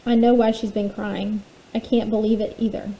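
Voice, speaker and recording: A woman reading a children's novel aloud, telling the first-person story at a steady pace. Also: medium pitch, moderate pace, vocal fry, poor audio. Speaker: reader.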